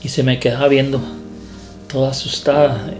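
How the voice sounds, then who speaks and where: A man, a preacher, telling his testimony in a sermon in an earnest, halting way that repeats words. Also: medium pitch, little pitch movement, music in the background.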